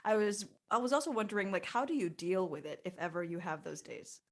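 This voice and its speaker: A woman's voice: on the low side, fairly quick. A woman hosting a casual podcast interview, encouraging her guest and laughing along. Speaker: podcast host.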